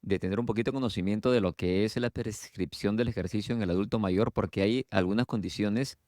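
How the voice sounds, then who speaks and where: A male doctor hosts the conversation, posing questions and summing up points in an explanatory way. His voice is fairly low and comes across close and dry. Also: a little fast, a little mellow, no room sound. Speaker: physician host. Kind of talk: conversational interview.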